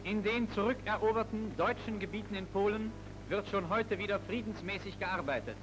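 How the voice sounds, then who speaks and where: A high-pitched male narrator in old newsreel style, declaiming solemnly over loud orchestral music. The sound is an old newsreel soundtrack. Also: normal speed, rough recording. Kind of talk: 1939 newsreel commentary.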